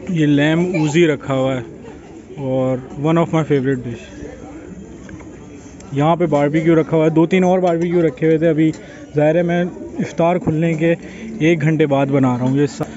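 Filming at arm's length on his phone, a young food vlogger casually walks viewers around an outdoor waterfront buffet, relaxed and chatty as he points things out. His slightly high voice moves a little slowly, and crowd chatter runs through the dull lo-fi recording.

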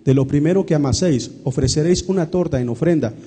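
Guy reading scripture, dark husky voice, kinda far off, echoey. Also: fairly high pitch, quick pace. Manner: steady formal reading. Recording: long reverb from off the mic.

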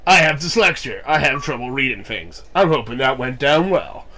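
A gaming YouTuber, a young man whose cold makes him sound nasal, riffs casually on a wrestling game with jokes and swearing, reading lines aloud. He speaks at a moderate pace in a mid-range voice with lively intonation, erupting now and then into loud mock cheers.

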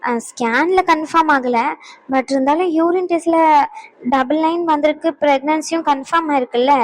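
A woman voices a practical older-sister type who works at a hospital in a cartoon. She has a high voice and talks firmly, scolding the younger men and explaining things plainly. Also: dry recording, close to an everyday voice, low-quality recording. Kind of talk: cartoon voice acting.

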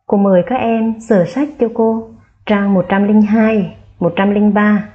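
Speaking with a steady tone, a woman primary school teacher leads a slow, careful online phonics lesson for young children. She draws out each word, spells sounds aloud, and lifts her voice high on words for them to repeat, over a slightly dull, muffled recording.

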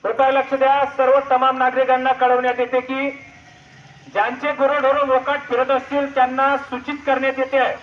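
A man making a formal public announcement over a loudspeaker mounted on a rickshaw, repeating an official notice. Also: extremely high pitch, completely flat delivery, brisk. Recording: echoey, dull loudspeaker sound with faint noise.

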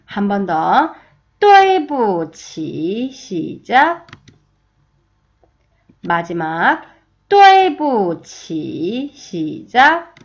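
A woman's voice: mid-range voice, highs cut off. A woman teaching a beginner language lesson, patiently drilling her students with repeat-after-me cues.

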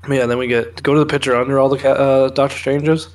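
A young man co-hosts a pop culture news show from a room at home, casually explaining film trailers and comics and swearing freely. He speaks quickly in a flat, medium-pitched voice.

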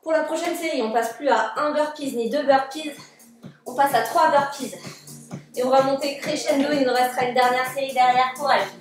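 A woman's voice: high voice, steady tone, moderate pace. A woman in her thirties coaching a home workout, motivating with short commands and counts. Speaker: fitness coach. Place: living room, indoors. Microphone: distant camera microphone. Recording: echoey room, far from mic, music.

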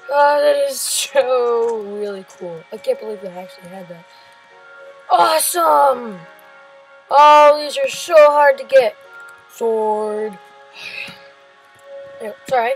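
High-voiced, excitable woman gamer. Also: takes it slowly, pauses often, soft background music, rough recording. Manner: excitable, shouts at game creatures. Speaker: gameplay commentator. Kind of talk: casual let's-play commentary.

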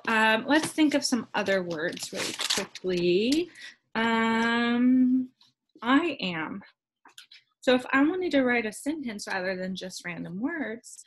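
A woman music teacher giving a patient lesson to her class, counting rhythms in syllables and often pausing with "um". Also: on the high side, background noise. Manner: patient, with frequent ums.

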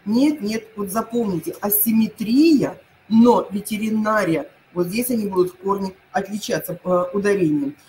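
A woman teacher giving an online lesson, repeating each word pair slowly and hesitating often. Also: mid-range voice, darkish tone, slight background noise, low-quality recording.

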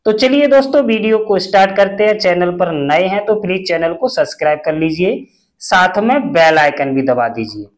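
A man teaching Hindi letters, reciting each syllable slowly and clearly as a classroom drill. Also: high-pitched, animated. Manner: drawn-out syllable-by-syllable pronunciation drills.

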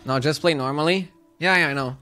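A man's voice: a little high, brisk, sharp tone, soft background music. A male streamer giving casual, joking commentary while playing and chatting with viewers. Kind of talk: casual live gameplay commentary.

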